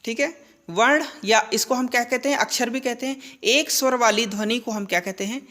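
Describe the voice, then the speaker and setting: A woman teaches grammar as if in a classroom, answering her own questions and going over the key terms repeatedly. She speaks briskly in a slightly high, somewhat bright voice.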